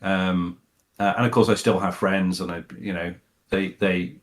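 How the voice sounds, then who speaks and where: Low-voiced man telling rambling stories. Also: little pitch movement, normal speed. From Scotland. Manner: rambling, many fillers and restarts. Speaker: voice actor guest. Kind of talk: casual interview chat.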